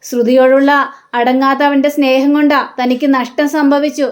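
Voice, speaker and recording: A woman's voice: high-pitched, little pitch movement, moderate pace, close to an everyday voice. A woman voicing a worried father who firmly reproaches his wife about their son. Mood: stern.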